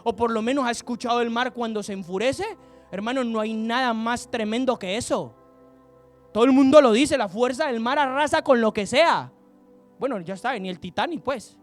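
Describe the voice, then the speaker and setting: A man preaching a fiery sermon, exhorting his listeners with rhetorical questions and bursts of shouting. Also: extremely high pitch, normal speed, soft background music. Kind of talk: impassioned sermon.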